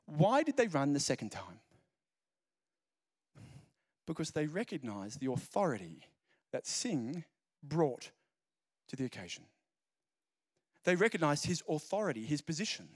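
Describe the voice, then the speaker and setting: A young man talks about his faith to an audience with real animation. His voice sits high and leaps all over the place as he tells stories, cracks jokes and repeats his points for emphasis. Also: measured pace, pauses often, husky. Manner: animated storyteller, jokey asides, repeats phrases. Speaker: speaker explaining Christianity. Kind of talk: lively evangelistic talk.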